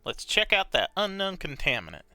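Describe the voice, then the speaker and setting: A man's voice: sits high, wildly swooping pitch, brisk, pushed and bright, faint music behind. A man streaming a video game live, playfully commenting and reading along.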